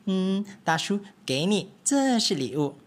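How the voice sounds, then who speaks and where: A man's voice: high voice, sing-song, measured pace, voice pushed up. A man voicing three small, eager little mice in a children's storybook reading, with chirpy, cheerful questions.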